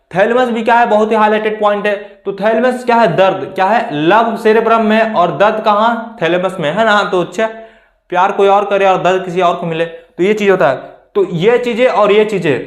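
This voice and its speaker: Man lecturing high-voiced in echoey room. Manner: repetitive rhetorical questions, conversational teaching. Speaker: exam coaching teacher. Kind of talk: classroom lecture.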